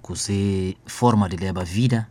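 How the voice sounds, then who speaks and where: A man's voice: sits low, moderate pace, mellow. A man talking earnestly on the radio in a rambling way.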